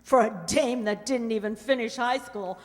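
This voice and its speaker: In a radio mystery drama, a woman plays a brassy, scheming waitress who is also a mistress, delivering her lines in a slangy, emphatic, dramatic way. Her voice is slightly high and close to everyday speech, at normal speed, with a faint hiss or hum, and she sounds bitter and determined. It was recorded on a reverberant hall stage.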